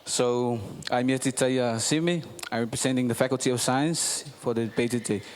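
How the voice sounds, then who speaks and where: A man's voice: mid-range voice, steady tone, normal speed. A man formally introducing himself as a debater. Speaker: debater, first speaker. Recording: faint background noise.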